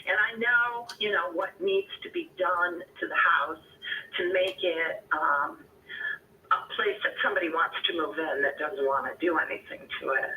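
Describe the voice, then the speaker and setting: A woman's voice: fairly low pitch, moderate pace. An older woman talking over a landline phone from home, plainspoken and candid, with easy fillers. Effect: heard over a landline phone. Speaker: homeowner on a sales call. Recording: distant echoey phone line with faint hiss.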